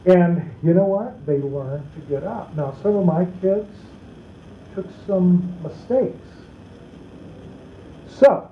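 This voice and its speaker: A man, a pastor teaching a practical parenting seminar in an animated way, acting out everyday family scenes. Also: high voice, slight background noise. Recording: tinny, roomy echoey seminar recording.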